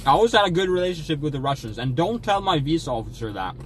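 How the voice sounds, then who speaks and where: A young man hosts a relaxed livestream, joking along in a folksy fake American drawl. His voice sits a little high for a man. A faint hum of noise runs under his talk. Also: fast, low-quality recording. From Sweden. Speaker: streamer. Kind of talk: casual livestream chat while eating.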